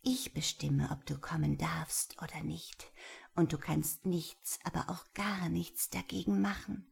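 A woman's voice: on the low side, measured pace, darkish tone, slightly rough. A woman voicing a teasing, dominant woman who whispers close in an erotic story.

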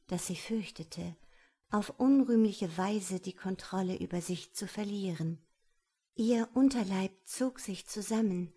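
Female audiobook narrator, unhurried, measured, intimate delivery. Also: mid-range voice, warm tone. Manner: slow, measured, intimate reading. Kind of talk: scripted narration.

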